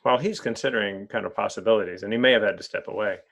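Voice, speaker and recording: Gravelly-voiced man, repeating words as he talks. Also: lowish voice, very fast, fairly bright tone, dull audio. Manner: repeats words while searching for phrasing. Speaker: club member interviewing a guest. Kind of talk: online club meeting conversation.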